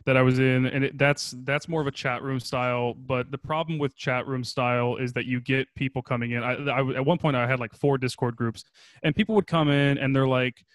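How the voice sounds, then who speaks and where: A man's voice: mid-range voice, fairly even intonation, a little fast, dry recording. A man who is a former producer and now a day trader, chatting casually and rambling as a podcast guest, swearing freely.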